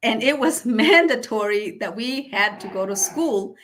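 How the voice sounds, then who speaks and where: A middle-aged woman from Guatemala whose first language is Mayan, telling her life story earnestly, with frequent um pauses. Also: a little high, animated, fairly bright tone. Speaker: guest speaker. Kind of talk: personal storytelling.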